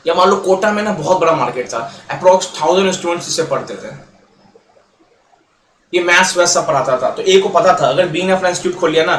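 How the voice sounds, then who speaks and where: A man teaching a lecture, explaining with quick role-played examples and mixing in English terms. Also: sits high, a bit bright. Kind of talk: classroom-style lecture. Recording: echoey room, faint background noise.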